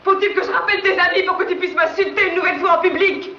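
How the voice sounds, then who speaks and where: An actress dubbing an unhappy young wife in a 1940s film, speaking in a pleading, emotional way. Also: female voice, a little high, animated, a little fast, fairly bright tone. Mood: hurt. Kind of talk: 1940s film dub acting. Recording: roomy, dull old film soundtrack with hiss.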